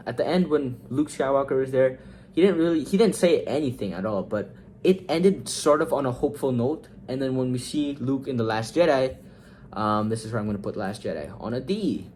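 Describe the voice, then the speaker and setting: A man's voice: mid-range voice, moderate pace, slight background noise. Rambling young man ranking movies. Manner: rambling, fillers and quoted reactions, swings up when excited. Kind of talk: casual film review.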